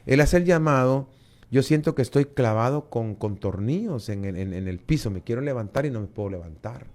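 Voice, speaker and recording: A man with a Guatemalan Spanish accent tells his story as an interview guest. He gets animated, putting on the voices of the people he met and doubling up on words as he goes. His pitch sits in an ordinary middle range. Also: a little fast. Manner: lively storytelling, acts out dialogue, repeats words. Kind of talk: testimony in an interview.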